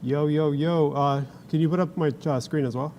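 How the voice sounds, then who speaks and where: A man's voice: a little high, steady tone, moderate pace, dark tone, lo-fi sound, a little hiss or hum. A man presenting casual, conversational trading commentary as a futures trader on a show. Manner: informal, conversational.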